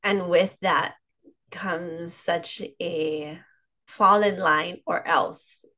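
A woman's voice: lowish voice, steady tone, drawn-out words, sharp tone. A woman hosting a podcast conversation, candid and heartfelt, often laughing and restarting her sentences. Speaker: podcast host.

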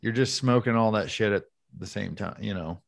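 A man's voice: moderate pace, vocal fry. A man co-hosting a podcast in casual, profane chat. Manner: laid-back, swears, lively pitch swings. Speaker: podcast co-host.

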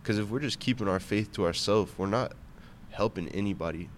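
A man's voice: on the low side, brisk, a little hiss or hum. A man talking casually about faith in informal, slangy speech full of "bro". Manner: informal slangy talk, peppered with "bro" and "you know what I'm saying".

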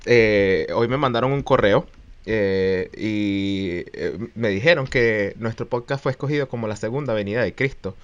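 A man's voice: on the low side, moderate pace, clear, resonant tone, highs cut off. A man co-hosts a podcast in a loose, casual chat. He speaks with a mixed Chilean and Mexican accent. He jokes and rambles, with plenty of fillers and restarts. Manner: joking, rambling with many fillers. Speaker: podcast co-host.

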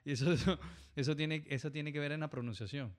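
Venezuelan man, pilot, casual chat, animated and rambling. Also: fairly high pitch, quick pace. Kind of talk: casual conversation.

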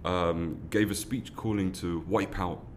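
With slight noise in the background, a foundation founder from London in his 30s earnestly answers interview questions, repeatedly restarting and repeating words. His low voice is a little slow and fairly even in intonation.

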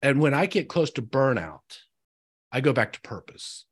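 A man's voice: mid-range voice, sing-song, moderate pace, breathy edge. Upbeat motivational man on a podcast. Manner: upbeat, motivational, laughs easily. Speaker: podcast co-host. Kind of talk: casual podcast discussion.

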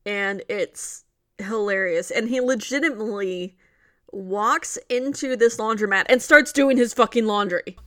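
A woman co-hosting a podcast, recapping a movie plot in casual chat with wry, deadpan asides. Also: mid-range voice, a little slow, no room sound, clean studio sound. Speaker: podcast co-host.

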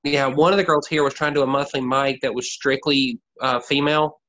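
A woman's voice: very deep voice, steady tone, fairly quick, fairly bright tone, dull audio. A woman with a Southern US accent, a comedian, chatting casually. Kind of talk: casual chat.

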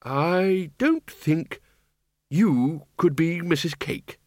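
A man voicing a polite old zombie wizard who speaks haltingly and apologetically. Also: on the high side, animated, a little mellow, dry recording, voice pushed up. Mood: awkward.

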